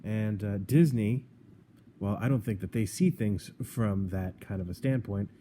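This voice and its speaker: A man's voice: lowish voice, unhurried, mellow, a little hiss or hum. A man co-hosting a podcast, talking in an opinionated, argumentative way with a sarcastic edge and frequent restarts. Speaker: podcast co-host. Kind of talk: opinionated casual chat.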